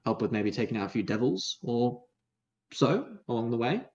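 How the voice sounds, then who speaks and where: A lonely male demon speaks in a soft, hesitant, earnest way, as a man acts him out in a tabletop game. His pitch sits in the middle. The recording is dull and lo-fi. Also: very animated, normal speed. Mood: thoughtful.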